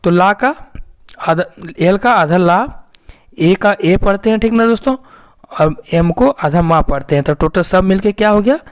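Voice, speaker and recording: A woman teaches phonics at an even, unhurried pace. She spells each word out slowly and answers her own questions. She keeps turning to her viewers to check that they are following. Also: mid-range voice. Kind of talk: explaining a lesson to viewers.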